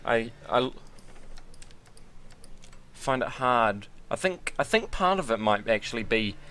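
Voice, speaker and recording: A man's voice: medium pitch, lively intonation, measured pace, bright, forceful tone, clean tone. A man giving casual, rambling and self-deprecating commentary while sim racing.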